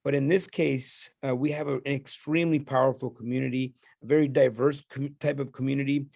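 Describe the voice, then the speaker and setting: A man hosts a relaxed interview, his voice gravelly with a fry at the edges. He talks loosely, circling back through fillers and restarts. The sound is dry and close. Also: medium pitch, fairly quick, dry recording. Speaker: host. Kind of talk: casual interview chat.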